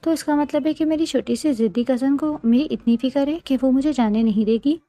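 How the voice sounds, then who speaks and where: A woman's voice: sits high, warm tone, no echo, lightly acted. A woman voicing a possessive, teasing young Pathan husband in a storybook romance, with an intense, playful manner.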